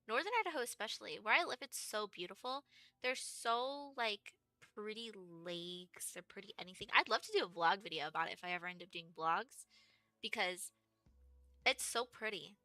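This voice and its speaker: On a dry recording, a young woman from Texas in her twenties talks at normal speed in casual stream chat. Her mid-range voice is bright and forceful, and she rambles on with plenty of "um" and "like."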